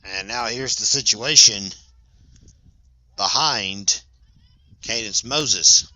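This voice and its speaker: A man calls a small-town softball game with a very bright, forceful voice. He talks in a chatty way and corrects himself as he goes. The sound is dry and close, with almost no room around it. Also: lowish voice, drawn-out words, no room sound, rough recording. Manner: chatty, self-correcting, laughs at big plays. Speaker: play-by-play announcer. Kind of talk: sports commentary. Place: at a high school softball field.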